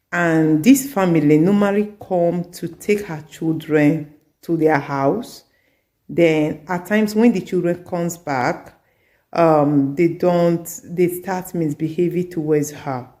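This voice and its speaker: A woman's voice: on the low side, dark tone. A middle-aged woman, telling a story in an earnest advice vlog and repeating her points for emphasis. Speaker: community advice vlogger.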